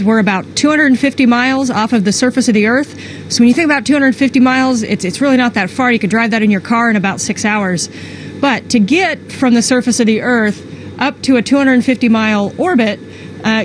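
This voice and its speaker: A middle-aged woman speaking as an astronaut, explaining things step by step with everyday examples into a handheld microphone. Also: a little high. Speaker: astronaut answering students' questions. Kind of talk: plain educational explanation. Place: inside a space station module. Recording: faint noise over a space link.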